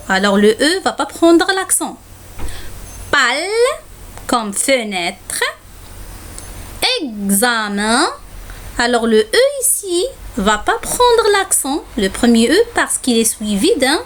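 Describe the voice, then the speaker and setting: Woman teacher going over spelling, slow careful words, bit of hiss behind. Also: on the high side. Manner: repeats "alors" often. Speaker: French teacher. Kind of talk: spelling lesson with exercises.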